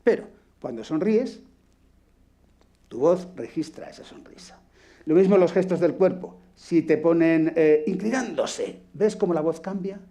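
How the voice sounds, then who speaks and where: A man with a Peninsular Spanish accent runs a radio acting workshop, speaking in a slightly high voice for a man. He is blunt and happily foul-mouthed, and he acts out examples for his students. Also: measured pace, mellow. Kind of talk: workshop teaching. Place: workshop room with microphone.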